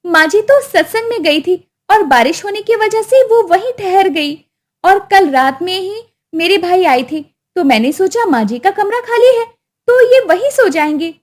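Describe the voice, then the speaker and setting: A woman's voice: very high-pitched, animated, normal speed, voice pushed up. A woman voicing a scheming, cruel young daughter-in-law in a storybook tale, talking in a sly, scolding way. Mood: sharp.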